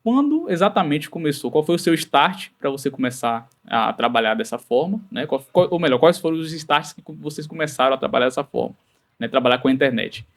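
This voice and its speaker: A man hosting a casual podcast interview, relaxed and dotting his questions with tag questions. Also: fairly high pitch, brisk. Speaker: podcast host.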